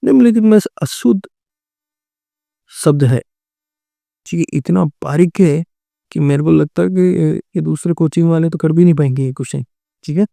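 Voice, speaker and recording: A man's voice: on the high side, steady tone, normal speed, creaky, mellow, no echo, studio quality. A man teaching a Hindi exam-prep class, going through multiple-choice answers and often repeating words and answers. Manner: repeats words and answers, often says "theek hai" and "right".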